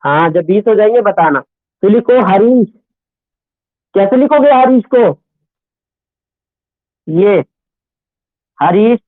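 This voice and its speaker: A man's voice: sits high, lively intonation, slow pace, long pauses, no room sound. A man teaching Hindi grammar, dictating words one by one and repeating each, often checking with his students. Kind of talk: dictation lesson. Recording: tinny phone-like, dry sound.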